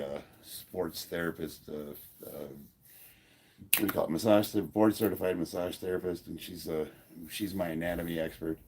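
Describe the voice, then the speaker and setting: An American powerlifting coach in his fifties rambles loosely through a casual training vlog, trailing off mid-sentence as he runs a session. He sounds stuffed up and short of breath, with a low, darkish voice and a breathy edge.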